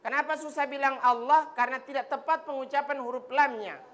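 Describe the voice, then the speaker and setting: A woman's voice: high-pitched, a little fast. A woman teaching recitation, drawing out syllables and correcting her pupils in a call-and-response drill. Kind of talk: classroom pronunciation drill. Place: broadcast studio classroom.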